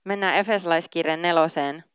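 Woman pastor, sermon, lowish pitch, very smooth clear voice, dry close sound, reads scripture, casual asides. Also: no echo. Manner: reads scripture aloud, then chats casually and informally. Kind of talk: sermon with Bible reading.

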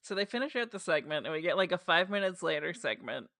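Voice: medium pitch, big pitch swings, fast talker, creaky, a bit bright, dry recording, clean studio sound. A podcast co-host with a New Jersey accent, chatting casually and retelling scenes with lots of "like" fillers. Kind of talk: casual chat recapping a show.

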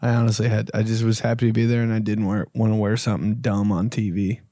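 A man's voice: fairly low pitch, flat delivery, fast talker, mellow, no room sound, studio quality. A young man hosting a podcast, answering listener questions in a laid-back, rambling, profane way. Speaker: podcast host. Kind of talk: casual podcast chat.

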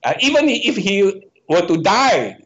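A slightly high-pitched man speaks as a professor giving an interview. He reasons step by step, stops mid-word and corrects himself. The recording is dull and muffled, like lo-fi audio. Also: big pitch swings, fairly bright tone. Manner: halting, self-correcting, explaining step by step. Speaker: economics professor, guest. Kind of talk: answering questions in a podcast interview.

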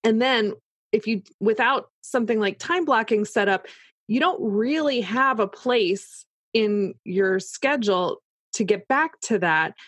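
A woman's voice: a little high, expressive, measured pace, fairly bright tone, dry recording, clean studio sound. A woman in casual, explanatory conversation, talking through examples as if voicing her own thoughts.

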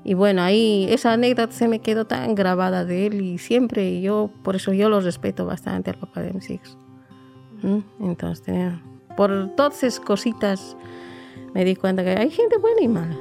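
Gravelly woman in her forties. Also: medium pitch, animated, soft background music. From Bolivia. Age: 40s. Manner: soft-spoken, reflective, halting with fillers. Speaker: interviewee. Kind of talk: personal storytelling interview.

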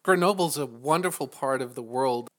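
A man's voice: mid-range voice, normal speed, a bit bright. A man hosting a podcast, interviewing a guest in a friendly, upbeat way. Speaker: podcast host.

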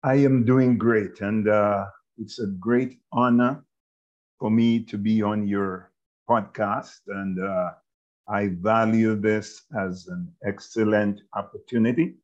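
A Jamaican man in his sixties talks as a guest in a fairly low voice, slow and measured, pausing often between phrases. The recording is dull and lo-fi. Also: fairly even intonation. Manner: measured and halting, with many pauses. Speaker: guest, bishop and author. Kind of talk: casual interview talk.

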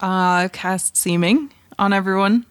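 A woman's voice: mid-range voice, slow, clean tone, dry recording, clean studio sound. A woman playing a tabletop game, speaking casually in and out of character. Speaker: player. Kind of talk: casual tabletop role-play.

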